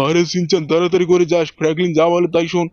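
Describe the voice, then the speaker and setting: Woman doing a lowered, gruff older uncle, fast and flat, dry close mic. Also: no room sound, dull audio, lightly acted. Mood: brusque.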